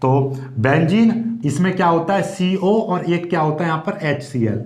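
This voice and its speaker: Higher-voiced man explaining chemistry. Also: animated, normal speed, a little mellow, reverberant. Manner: explains step by step with questions to the students. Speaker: chemistry teacher. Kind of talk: board exam lecture.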